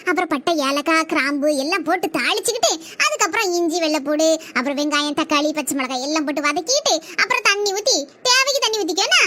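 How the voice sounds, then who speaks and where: A high young voice playing a patient village mother in a comic family skit. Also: animated, fast, hardly any pauses, sharp tone, heavily acted. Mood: instructing. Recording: noisy homemade recording.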